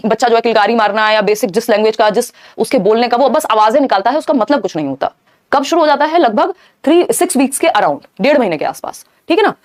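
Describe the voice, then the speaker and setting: A woman teaching a live online exam-prep lesson, explaining answers briskly and answering viewers in the chat. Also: on the high side.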